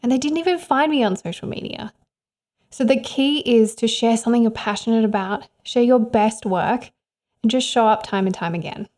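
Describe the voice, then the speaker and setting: A woman's voice: a little high, darkish tone. A woman, a freelance photographer, speaking to camera and giving candid, encouraging career advice in a conversational way. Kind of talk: direct-to-camera advice vlog.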